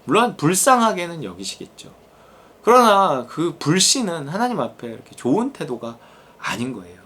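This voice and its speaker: Male pastor, sermon, animated delivery, lively pitch, acted-out inner voices. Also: normal speed, slightly rough. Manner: animated, acts out quoted inner voices and God's address.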